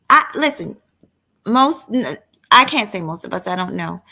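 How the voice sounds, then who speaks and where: Gravelly middle-aged woman hosting a stream. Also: on the low side, pushed and bright. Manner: talks straight to viewers, reads comments aloud, opinionated. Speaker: livestream host. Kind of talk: casual late-night livestream chat.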